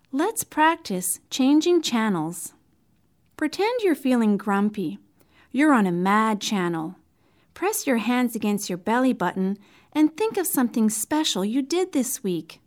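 A woman with a fairly high, very melodic voice guides children through a mindfulness exercise. She speaks in gentle, simple instructions and stretches out the calming cues.

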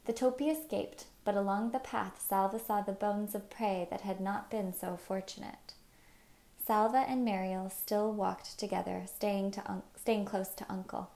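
A woman reads a novel aloud as an audiobook narrator, calm and measured. Her voice is mellow and warm, neither high nor low, with a steady, unhurried delivery.

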